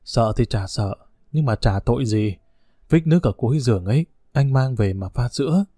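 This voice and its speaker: A man's voice: medium pitch, lively intonation, moderate pace, dark tone, dry recording, clean studio sound, lightly acted. A man voicing a frail, sick old woman in a hospital bed who speaks in a weak murmur. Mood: weary.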